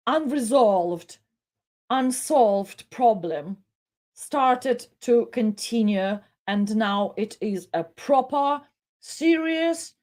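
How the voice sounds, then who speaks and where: A middle-aged woman from the Soviet Union delivers impassioned live commentary in a fairly high voice. She takes her time, often halting and repeating words as emotion builds in her speech. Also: darkish tone.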